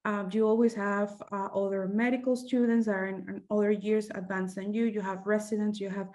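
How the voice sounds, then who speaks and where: Venezuelan woman giving a halting talk. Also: medium pitch, little pitch movement, mellow. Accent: Venezuelan Spanish. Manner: halting, many fillers and restarts. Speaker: medical fellow presenting at a webinar. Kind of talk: conference presentation.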